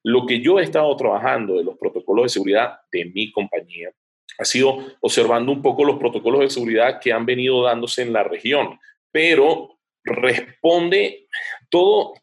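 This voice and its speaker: Here a man with an expressive, medium-pitched voice speaks at a normal pace. As an interview guest, the advertising director describes his work at length, hesitating frequently while he works through his thoughts.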